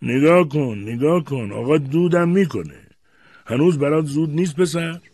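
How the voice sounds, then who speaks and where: A man voicing a mocking, quick-tempered old grandfather who jeers in shrill, drawn-out outbursts. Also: expressive, darkish tone, no room sound, clean studio sound.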